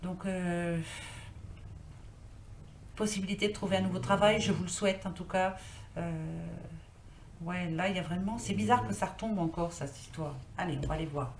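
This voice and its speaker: A woman's voice: lowish voice, normal speed, long pauses. A woman casually talking through a tarot card reading, rambling and thinking aloud with lots of fillers. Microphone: built-in computer mic. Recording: echoey room, faint noise.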